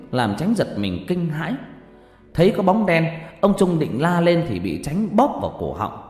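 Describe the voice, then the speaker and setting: A man narrating a horror story with dramatic, expressive delivery. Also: on the high side. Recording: echoey reverb with background music.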